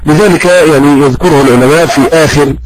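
A man teaching an Arabic grammar lesson. He talks slowly and halts often with drawn-out fillers, putting questions to his students and praising their answers. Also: a little high, a little hiss or hum, low-quality recording. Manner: slow and halting, with many drawn-out fillers. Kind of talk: classroom lesson with audience questions.

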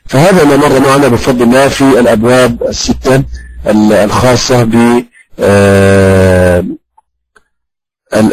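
A man teaching an Arabic grammar lesson. He talks slowly and halts often with drawn-out fillers, putting questions to his students and praising their answers. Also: mid-range voice, a little mellow, no room sound, poor audio. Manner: slow and halting, with many drawn-out fillers. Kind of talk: classroom lesson with audience questions.

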